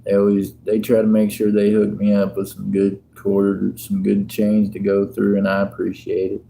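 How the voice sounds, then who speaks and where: A man in his 50s sorts coins on a laid-back livestream, chatting and cracking jokes with viewers. His fairly low voice is gravelly yet mellow, delivered completely flat at normal speed, and the poor audio carries slight background noise.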